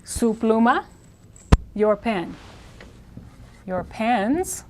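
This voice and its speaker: Woman, language teacher, video lesson, slow careful modeling, repeats words. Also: fairly high pitch, sing-song, background noise. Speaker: Spanish teacher.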